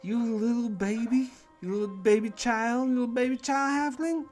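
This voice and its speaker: A man's voice: very high voice, fairly even intonation, moderate pace, darkish tone, soft background music, voice pushed up. A man voicing a crude, belligerent drunk male guard who jeers and swears constantly. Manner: slurring, jeering, swearing constantly.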